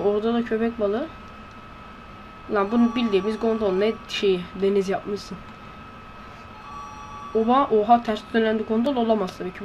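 A woman giving let's-play commentary in a hushed voice, blurting excitable reactions and slang while playing. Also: medium pitch, muffled recording, a little hiss or hum. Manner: talking in a hushed voice. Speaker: gameplay commentator. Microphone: close to a desk microphone.

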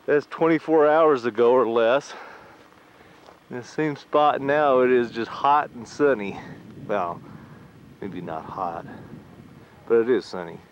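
A man's voice: mid-range voice, slow, pauses often. A man casually narrating a home video outdoors on a rural property, pointing things out as he tours his land, heard through an old camcorder mic. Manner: chatty, points things out while touring. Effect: old camcorder audio. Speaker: homeowner filming his property. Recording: dull lo-fi camcorder sound with faint hiss.

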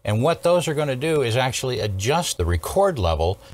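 Hosting a hands-on walkthrough at his workbench in an indoor workshop studio, this electronics restorer in his sixties takes a casual, methodical, step-by-step approach and often pauses to check in. His pitch is in a man's middle range but swings widely.

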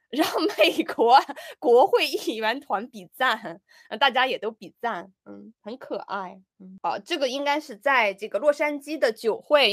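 A woman giving casual political commentary, animated, with frequent fillers and pointed rhetorical questions. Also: a little high, dry recording, studio quality.

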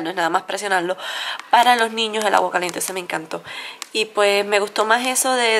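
A woman's voice: medium pitch, a bit bright. A woman in her thirties chatting casually to viewers as a family vlogger, holding the camera at arm's length at home. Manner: chatty, talks to viewers as friends. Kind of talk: casual family vlog chat. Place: home and outdoor café. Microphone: handheld camera at arm's length. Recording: noisy home recording.

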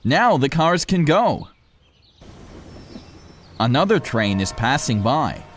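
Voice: mid-range voice, very animated, slow pace, slight background noise. A narrator for a preschool cartoon, explaining things in simple, instructive short sentences. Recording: music bed under the voice.

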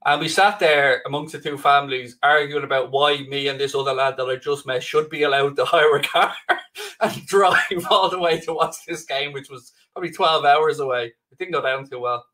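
A middle-aged Irish man chats through a live football match as a co-host. His voice is bright and forceful, pitched a little high for a man. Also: normal speed. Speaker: football watch-along co-host. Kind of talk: casual live match chat.

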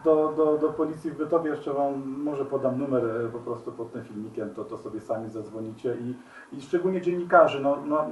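A man speaking straight to his viewers, earnest and appealing, often pausing on fillers and restarts. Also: mid-range voice, a little mellow, roomy sound, distant mic, muffled recording, a little hiss or hum. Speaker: commentator. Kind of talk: spoken video commentary.

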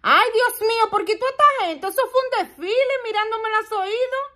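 A woman's voice: very high voice, moderate pace, pushed and bright. A young woman, telling viewers a story in a dramatic, exclamatory way. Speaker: vlogger.

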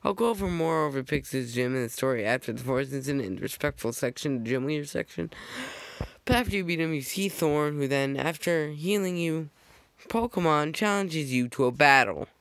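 A man's voice: a little high, lively intonation, brisk, vocal fry, a bit bright, no echo. A man casually narrating a fan-made slideshow, rambling with jokey asides and frequent self-corrections on a close microphone.

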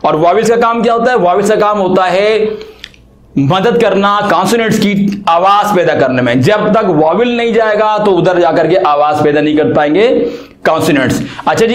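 A man's voice: sits high, reverberant. A man teaching an English grammar lesson in a casual, chatty way, asking rhetorical questions.

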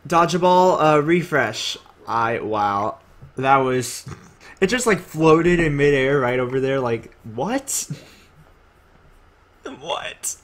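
A young man live-streaming a game, chatting casually, thanking viewers and reading the chat aloud in an excitable way. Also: mid-range voice, slow.

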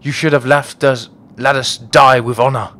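A man's voice: mid-range voice, fairly even intonation, normal speed, fairly bright tone, close to an everyday voice. A man reading the lines of a stern, proud male warrior elder in a video game, solemn and rousing.

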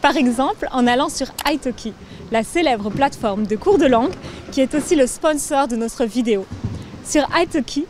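A young woman presenting with a clear, lively teaching delivery, recorded outdoors on a handheld mic. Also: high-pitched. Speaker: host. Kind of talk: scripted presenting and role-play.

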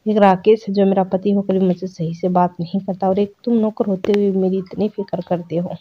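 A woman's voice: medium pitch, flat delivery, fairly quick, slightly rough, lightly acted. A woman voicing a lonely, tearful young housewife who speaks in a sad, complaining tone. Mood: troubled. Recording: dull lo-fi recording.

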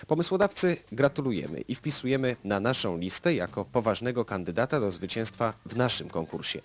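A man's voice: fairly low pitch, expressive, a little fast. A man narrating in the manner of an old newsreel announcer, ironic and mock-solemn.

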